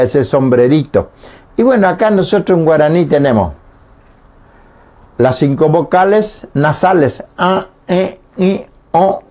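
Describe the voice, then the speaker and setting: Man, radio language teacher, demonstrates sounds aloud, somewhat high voice. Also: mellow. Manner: slow, patient explanations, demonstrating sounds aloud. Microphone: radio studio microphone.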